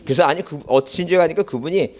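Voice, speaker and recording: In an academy classroom, a man delivers an exam-prep lecture through a face mask, with the mic worn behind it muffling his voice. He sounds a little high and darkish, talks fast, and rambles in asides before quizzing the class with rhetorical questions. There's a slight hiss or hum.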